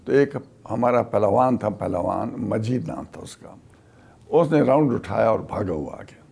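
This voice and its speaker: Gravelly older man telling a war story. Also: lowish voice, expressive, a little mellow. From Pakistan. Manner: halting, deliberate storytelling with many pauses. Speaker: retired army officer, interview guest. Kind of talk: recounting a wartime memory in an interview.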